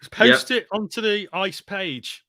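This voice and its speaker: A man's voice: sits high, a little slow, vocal fry, sharp tone, no room sound. A man co-hosting a casual podcast chat about comics, talking enthusiastically and laughing often. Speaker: podcast co-host.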